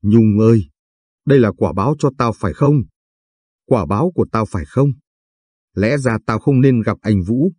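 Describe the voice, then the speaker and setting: A man reads out a young woman weighed down by guilt, pleading and blaming herself between tears. The voice is dark, soft and husky. The sound is dry and close. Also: on the low side, lively intonation, normal speed, pauses often, no room sound. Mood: tearful. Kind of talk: audiobook reading.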